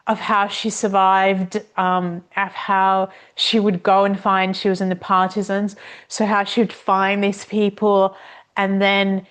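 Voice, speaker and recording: A woman speaks as a guest on a podcast, telling stories at a slow, deliberate pace. Her voice is smooth and clear, and she pauses often and restarts her sentences as she recalls things. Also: mid-range voice. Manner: unhurried storytelling, many pauses and restarts. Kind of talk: casual interview conversation.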